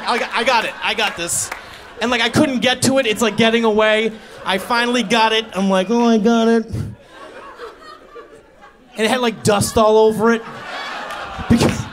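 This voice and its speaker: Guy doing stand-up, kinda high voice, acts out the people in his stories, bit of noise behind. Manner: animated storytelling, acting out quoted voices. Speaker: stand-up comedian. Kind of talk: stand-up comedy set. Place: comedy club stage before a live audience.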